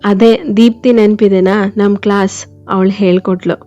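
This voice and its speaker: A woman voicing a playful, emotional young wife who turns excitable and mock-angry. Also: mid-range voice, normal speed, lightly acted. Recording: dull lo-fi, faint music behind.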